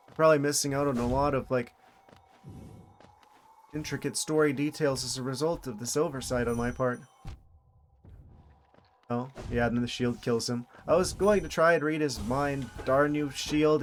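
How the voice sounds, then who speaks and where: A man streams a video game and thinks aloud, offering casual commentary with dry, self-aware humor. His medium-pitched voice stays steady at a moderate pace with long pauses, over a little hiss or hum.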